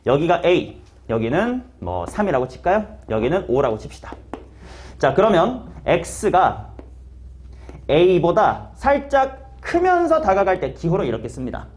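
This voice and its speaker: A man's voice: sits high, huge pitch swings, a little slow, darkish tone, slight background noise. A man teaching a math class, talking casually and quizzing students by name. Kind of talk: classroom lecture.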